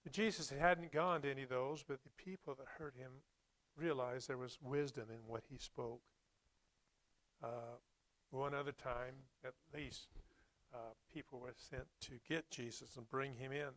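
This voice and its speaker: A man preaching a Sunday sermon, reading scripture and commenting on it in a plainspoken, reflective, halting way. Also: medium pitch, fairly even intonation, a bit bright, no room sound, low-quality recording.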